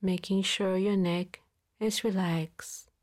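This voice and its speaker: A woman guiding a body-scan relaxation in a soft, calm voice, sometimes dropping into a whisper, with long pauses. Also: mid-range voice. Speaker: meditation guide.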